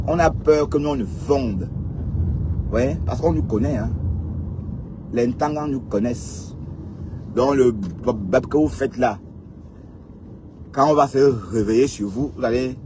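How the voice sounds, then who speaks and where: A man from Cameroon, speaking at medium pitch, addresses his viewers from a moving vehicle in a casual, sarcastic rant peppered with rhetorical questions. Background noise is present.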